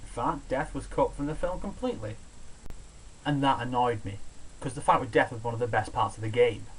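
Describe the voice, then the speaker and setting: He's a countdown-show host reading his review from a script, brisk and mid-range in voice, with a sardonic, sweary, opinionated edge. It's a rough amateur recording made at home, with hiss running steadily underneath.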